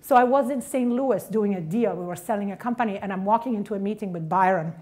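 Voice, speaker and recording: Fast-talking and a little mellow, this medium-pitched woman is middle-aged, from Italy, and speaks with an Italian accent. Her motivational career talk is punchy and direct, with emphasis landing on key words.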